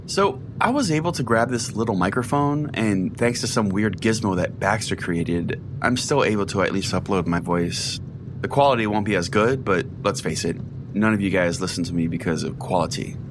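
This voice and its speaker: A deep-voiced man, heard over background noise, plays a pompous, sardonic pastor who preaches conspiracies and rambles chattily. It's a scripted audio-drama monologue framed as the host's talk show.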